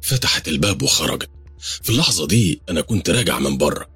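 Deep husky Egyptian man, fast and lively. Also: no echo, faint music behind. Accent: Egyptian Arabic. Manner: tense, dramatic telling. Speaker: narrator. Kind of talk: first-person horror story narration.

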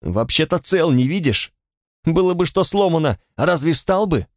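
A man's voice: a little high, lively intonation, moderate pace, dry recording, clean studio sound, pitched above the performer's own voice, natural voice. A man doing a whining, scared fat guy. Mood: hurried. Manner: whining, pleading. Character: fat, shaggy young man, tearful and scared. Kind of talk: audiobook character voice.

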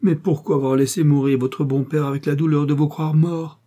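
A proud young baronet who bristles easily, read by a man. His stiff, indignant words come in a mellow, husky voice. He sounds like a figure from a period storybook. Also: medium pitch, expressive, normal speed. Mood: shocked.

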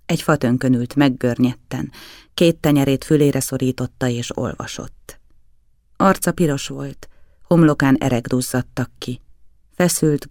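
A man reading a novel aloud in the first person, with a measured, grave literary delivery. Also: mid-range voice, dark tone, no echo, studio quality. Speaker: audiobook narrator.

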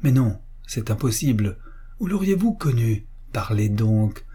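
A man's voice: on the low side, sing-song, measured pace, mellow, husky, heavily acted. A man voicing a stern, spiteful old mother-in-law who scolds and sneers, in an audiobook reading. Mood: scolding.

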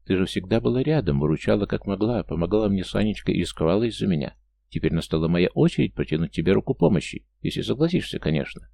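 A man voicing an excitable young woman who owns her first flat. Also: low-pitched, fast talker, creaky, heavily acted. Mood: caring. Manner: excitable, warm toward her friend.

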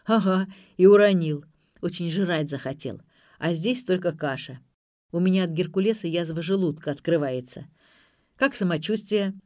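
A man's voice: high voice, moderate pace, a little mellow, dry recording, studio quality, natural voice. A woman reading aloud voices a cheeky young guy who talks bluntly in slang, with a drawl. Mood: casual.

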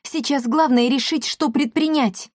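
A woman's voice: sits high, unhurried, darkish tone, no echo, studio quality, pitched above the performer's own voice. A woman voicing a firm, no-nonsense girl who keeps the others in line. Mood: stern.

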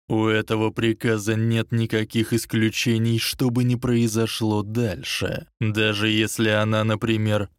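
A man voicing a cold, menacing dark lord who speaks low and slow. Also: clean tone, no echo, studio quality, lightly acted.

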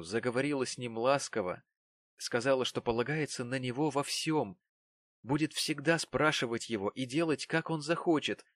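A man reading a novel aloud as narrator, measured and solemn. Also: mid-range voice, a bit bright, no room sound. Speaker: audiobook narrator. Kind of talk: scripted literary narration.

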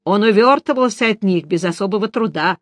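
A woman narrating a fantasy audiobook in a steady reading voice. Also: medium pitch, a little fast, no room sound, studio quality.

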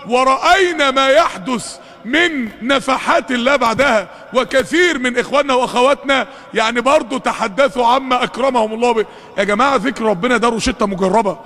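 A man with a very high voice and a sharp tone preaches fervently in a reverberant mosque hall, speaking with an Egyptian accent. His sermon is packed with rhetorical questions and calls to those gathered.

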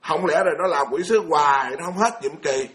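A man's voice: on the high side, brisk, fairly bright tone. A man, giving a blunt, colloquial Buddhist sermon full of scolding rhetorical questions. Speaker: Buddhist monk lecturer.

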